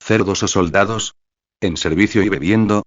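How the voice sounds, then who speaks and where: A synthetic male voice plays a furious, gruff garrison captain who barks at his men in a storybook. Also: on the low side, moderate pace, close to an everyday voice. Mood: stern. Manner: barking and stern. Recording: dry, slightly dull lo-fi sound.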